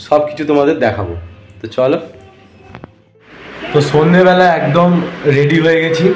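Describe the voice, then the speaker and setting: A man's voice: on the high side, reverberant. A tired man talking casually to his viewers in a travel vlog. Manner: chatty, talks straight to viewers. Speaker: vlogger. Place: hotel and beach town, indoors and out.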